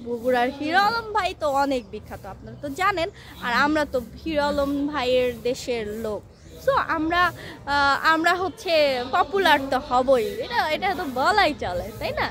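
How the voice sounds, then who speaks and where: A young woman from Bangladesh, chatting casually on a rooftop into a hand-held phone and rambling with many fillers and restarts. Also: high-pitched. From Bangladesh (Bogura). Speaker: vlogger. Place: rooftop outdoors.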